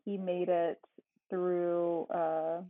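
A woman's voice: lowish voice, little pitch movement, extremely slow, no echo. Woman recapping a movie on a tinny line. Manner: recaps plot with dry asides and laughs. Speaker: podcast co-host. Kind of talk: casual movie recap chat.

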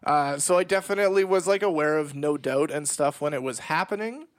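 A man with a Canadian accent in casual podcast conversation as co-host, recalling things in a halting, informal way. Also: a little high. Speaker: podcast co-host and audio engineer. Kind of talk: casual chat.

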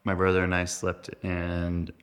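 A man's voice: sits low, completely flat delivery, measured pace. A young man telling stories as a podcast guest, rambling with lots of fillers and laughs. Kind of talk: casual storytelling chat.

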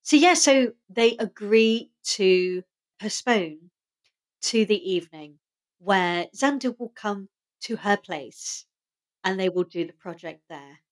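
A woman's voice: medium pitch, lively intonation, takes it slowly. A woman co-hosting a podcast, chatting casually as she retells and quotes scenes from an episode. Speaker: podcast co-host. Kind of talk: casual chat recapping a TV episode.

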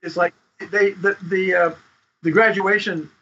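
A man giving advice as a script consultant guest in a casual interview, speaking haltingly and often repeating words. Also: sits high, steady tone, pushed and bright. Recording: dull lo-fi audio.

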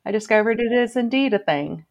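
Gravelly-voiced woman telling a story. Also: a little high, a little fast. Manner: lively storyteller, acts out quoted voices. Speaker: podcast guest, crochet tech editor. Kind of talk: casual podcast chat.

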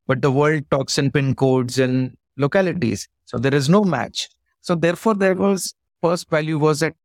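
A man's voice: mid-range voice, dry recording. Articulate Indian-accented man, dry close sound. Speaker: company founder being interviewed. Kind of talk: explanatory interview talk.

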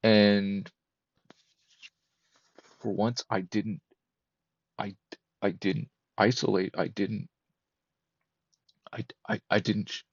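A man in his thirties, a podcast guest, talking candidly and emotionally in a halting, repetitive way that keeps circling back. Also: on the low side, little pitch movement, husky, no room sound, lo-fi sound. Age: 30s. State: emotional, close to breaking. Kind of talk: candid personal conversation.

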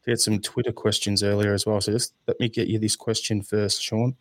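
A man's voice: lowish voice, level tone, a little fast, dry recording. A man hosting a casual football podcast, steering the topics and reading out listener questions.

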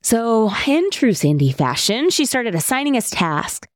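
A woman's voice: a little high, very animated, unhurried, dry recording, clean studio sound. A woman hosting a podcast from her bedroom at home, telling a story and then introducing her guest, laughing easily. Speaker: podcast host.

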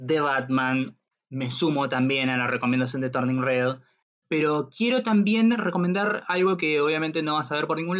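A man, co-hosting a podcast and explaining his views in a measured way. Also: mid-range voice, fairly bright tone. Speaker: podcast co-host. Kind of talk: casual film review chat. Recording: dull lo-fi audio.

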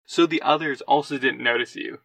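A man narrating as game master of a tabletop game, animated and quick to laugh. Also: medium pitch, gravelly, no echo.

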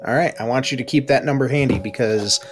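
A man's voice: medium pitch, quick pace, faint music behind. A man running a tabletop horror game as game master, joking with his players.

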